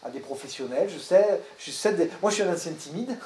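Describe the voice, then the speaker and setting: A man, an actor, telling a personal story to an audience in a lively way and often repeating words as he searches for them. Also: sits high, a little fast, reverberant. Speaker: stage actor and director.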